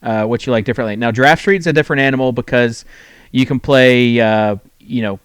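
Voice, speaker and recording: A man hosting a fantasy sports call-in show, talking loosely with many pauses and restarts. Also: mid-range voice, clean tone, no room sound. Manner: rambling, full of fillers and restarts. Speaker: host. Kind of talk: casual sports talk show.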